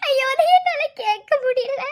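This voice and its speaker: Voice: very high-pitched, lively intonation, normal speed. A performer voicing a guilt-ridden young mother in a cartoon, pleading and sobbing on the phone. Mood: distraught. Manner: pleading, sobbing and repeating his name. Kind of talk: cartoon voice acting.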